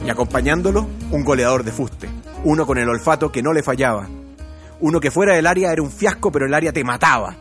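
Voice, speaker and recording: A man's voice: fairly high pitch, lively intonation, fast talker, faint music behind. A man with a Chilean accent talking football nostalgically, with enthusiastic exclamations and firm opinions. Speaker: football show presenter.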